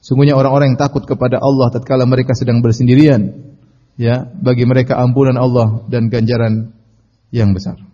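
A man giving a Quran study lecture as a preacher, telling stories in a lively way and calling out the lines he quotes. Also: mid-range voice, brisk. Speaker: Islamic preacher. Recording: dull audio with long reverb.

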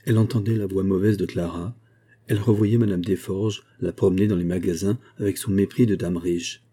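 A man reading a classic novel as an audiobook, in a measured, steady narration. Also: deep voice, husky.

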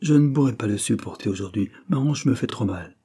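A man voicing a sarcastic young gentleman who grumbles and teases, in a read-aloud novel. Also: fairly low pitch, lively intonation, fairly quick, breathy edge. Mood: teasing. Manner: mocking, half-grumbling. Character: teasing young man, sarcastic but tender.

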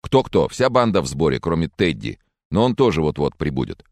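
A man voicing a nervous, excitable young male student who talks in a raised, agitated way, in an audiobook thriller. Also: a bass voice, brisk, vocal fry, no room sound, heavily acted. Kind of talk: audiobook character reading.

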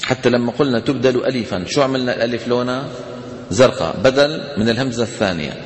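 A man with a Levantine Arabic accent teaching a tajweed lesson, talking casually to students, checking they follow and chanting examples slowly. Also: medium pitch. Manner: conversational, asks students rhetorical questions. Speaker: Quran recitation teacher. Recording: echoey hall reverb.

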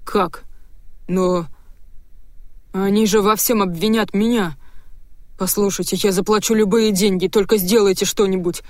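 A woman reading an audiobook, voicing a nervous middle-aged husband who keeps breaking into agitated, shrill outbursts. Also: steady tone, measured pace, pauses often, darkish tone, no echo, clean studio sound, lightly acted. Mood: hysterical.

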